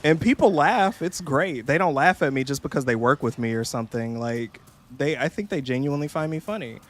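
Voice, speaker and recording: Streaming a game, a young man talks casually, joking, swearing, rambling, and putting on mocking voices. His voice sits on the high side and is expressive and brisk.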